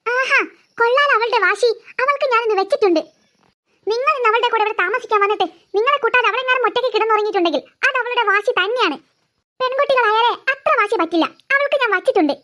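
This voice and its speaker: A sharp-tongued cartoon mother scolds and mocks her daughter. The voice sits very high and sounds bright and sharp. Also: fast. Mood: scolding. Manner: scolding, sarcastic. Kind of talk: cartoon voice acting.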